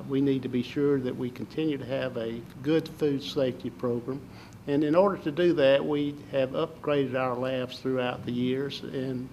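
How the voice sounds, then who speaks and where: Older man with an Alabama accent, creaky voice. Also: mid-range voice, a little mellow, a little hiss or hum, low-quality recording. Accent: Southern Alabama. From southern Alabama, US. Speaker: political candidate. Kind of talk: interview answers.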